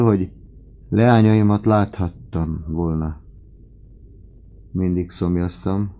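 A man voicing a dying old father in an audiobook, swinging between desperate shouts and faint whispers. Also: low voice, creaky, narrow, tinny audio. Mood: despairing. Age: older. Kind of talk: audiobook character reading.

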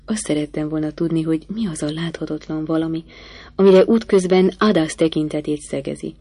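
A woman reading a novel aloud in the first person, with measured, expressive storytelling. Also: deep voice, husky, no echo. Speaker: audiobook narrator. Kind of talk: first-person literary narration.

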